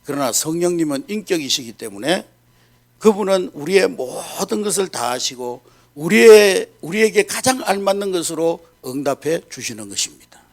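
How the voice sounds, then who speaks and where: High, gravelly male preacher. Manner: animated, checks in with the congregation. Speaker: pastor. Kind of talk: sermon storytelling.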